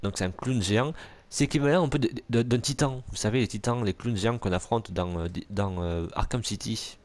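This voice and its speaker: Casual gamer, lowish voice. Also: male voice, a little fast, a little mellow. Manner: casual, crude, joking, talks to enemies on screen. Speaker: gamer commentating gameplay. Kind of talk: let's play commentary.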